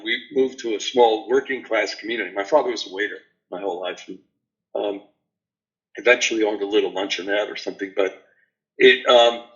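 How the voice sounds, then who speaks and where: A man in his seventies from New York City, a guest answering interview questions in an unhurried, rambling way with many fillers. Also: mid-range voice, fairly bright tone, lo-fi sound. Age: 70s. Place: remote call from a beach house.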